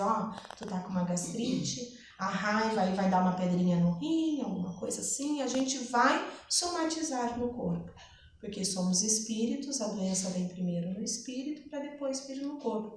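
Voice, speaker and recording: Woman lecturing in an echoey hall. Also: fairly high pitch. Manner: conversational, asks "né?" often. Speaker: lecturer at a spiritist center. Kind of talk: spiritist lecture. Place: spiritist center hall. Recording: echoey hall with faint noise.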